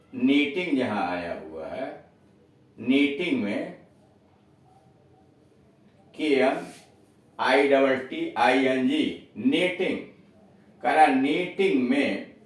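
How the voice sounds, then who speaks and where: Male English tutor, slow deliberate letter-by-letter spelling, slightly high voice, recorded far off in a very echoey room. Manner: spells words letter by letter, then gives Hindi meanings. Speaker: English teacher. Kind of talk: spelling and pronunciation lesson.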